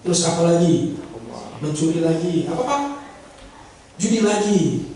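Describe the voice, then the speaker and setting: A man's voice: a little high, measured pace, dark tone, a little hiss or hum. A man preaching to a congregation, acting out a pleading sinner in a dramatic sermon illustration. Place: church hall. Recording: echoey church hall from far off.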